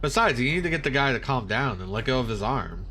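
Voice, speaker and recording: Casual let's-play host reading a story game aloud, bright and animated, laughs at the scenes. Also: male voice, medium pitch, fast talker, soft background music. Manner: lively reading with chuckling asides.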